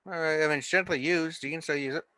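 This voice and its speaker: A man playing a tabletop game, improvising casually in a halting, deadpan way. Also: a little high, dry recording. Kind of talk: casual improvised role-play.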